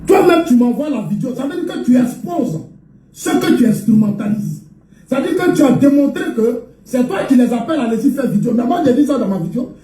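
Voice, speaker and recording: A man in a recorded video, angrily accusing someone, shouting and scornful. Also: very high-pitched, sing-song, brisk. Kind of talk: angry recorded video statement. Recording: echoey, far from mic, faint noise.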